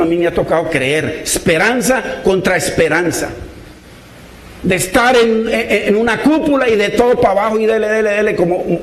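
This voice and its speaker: In an echoey room, a man with a high voice preaches with earnest, pleading intensity. He keeps reaching out to his brothers in faith, saying "hermano" over and over.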